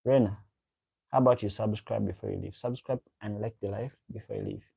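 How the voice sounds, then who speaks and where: His voice sits on the low side, with vocal fry, a dark tone and a slightly rough quality, and he speaks a little fast. Hosting a livestream, he rambles on, repeats himself, reads viewers' comments aloud and addresses them directly and casually. His first language is a local African language.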